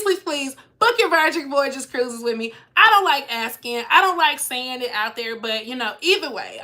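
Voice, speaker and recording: A young woman who works as a cruise vlogger and travel agent chats casually on a live stream, reading out viewer comments. Her voice is on the high side, pushed and bright, but nasal and congested from a cold.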